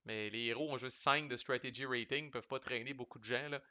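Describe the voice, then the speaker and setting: A man's voice: medium pitch, steady tone, fairly quick, sharp tone, no echo, dull audio. A man with a Québécois French accent talks through board game cards in a chatty, loose way. He drops in English game terms and salty slang. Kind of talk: casual explanatory commentary.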